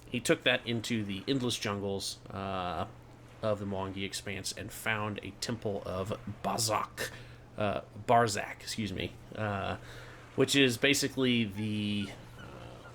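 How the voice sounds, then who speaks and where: A man's voice: lowish voice, measured pace, a bit bright, slight background noise. A man playing a tabletop game, talking casually and in a jokey, self-deprecating way about his character.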